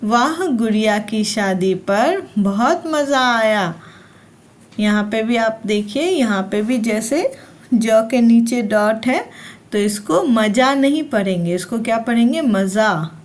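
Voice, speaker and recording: Slow, patient woman teaching young kids. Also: on the high side, lively intonation. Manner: repeats lines and asks then answers her own questions. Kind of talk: slow read-aloud lesson for young children.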